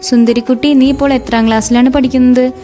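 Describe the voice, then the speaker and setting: A smooth-talking man with a sly, coaxing sweetness, voiced by a woman in a spoken story. The voice sits high with a soft, mellow tone. Faint music plays underneath. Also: steady tone, fast talker, natural voice. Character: sly, flattering grown man teasing a girl.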